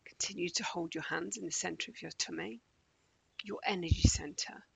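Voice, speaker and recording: A man leading a guided morning meditation in a slow, gentle, calming way, often dropping close to a whisper. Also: high voice, gravelly, breathy edge, no echo, low-quality recording.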